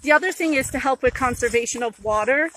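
A woman's voice: sits high, quick pace, background noise. A woman talking through a face mask, casually explaining things as a nature guide on an outdoor hike. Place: outdoors on a hiking trail.

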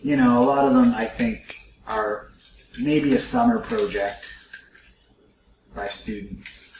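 A man's voice: mid-range voice, slow, a little mellow, echoey room, slight background noise, poor audio. A man hosting a let's play, musing aloud to his viewers in casual gameplay commentary.

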